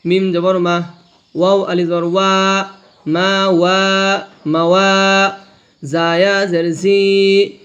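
A man teaching Quran reading, spelling out letters and vowel marks, then drawling each joined syllable for the listener to repeat. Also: sits high. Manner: repeats words for the listener to echo. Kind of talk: recorded reading lesson.

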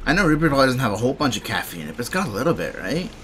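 A man's voice: mid-range voice, big pitch swings, rapid-fire, a bit bright, slight background noise. A young man rambling casually and a bit drowsily while commenting on his own gameplay. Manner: rambling, drowsy, thinking aloud. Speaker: game streamer.

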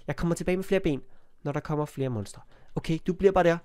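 A man's voice: fairly high pitch, dark tone, clear, resonant tone. A young man with a cold giving chatty let's play commentary on a block-building game, talking to the animals and yelping when startled. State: has a cold. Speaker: gaming YouTuber.

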